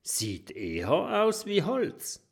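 Little dragon kid, eager and steady, lively up-and-down voice from a guy reading. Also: high-pitched, takes it slowly, husky, pitched above the performer's own voice, exaggerated voice. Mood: earnest. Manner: encouraging, earnest. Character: small earnest male dragon, eager and steady.

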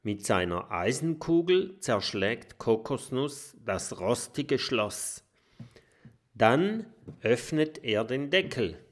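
A man narrating a children's storybook with deliberate, expressive reading. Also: medium pitch. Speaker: audiobook narrator.

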